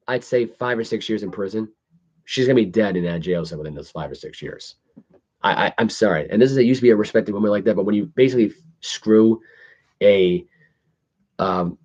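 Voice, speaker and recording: Low-voiced man, halting delivery, dull lo-fi audio. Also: darkish tone. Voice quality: imprecise articulation of longer words. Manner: halting, stumbles over words when reading. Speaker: podcast host. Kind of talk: casual news commentary, reading articles aloud.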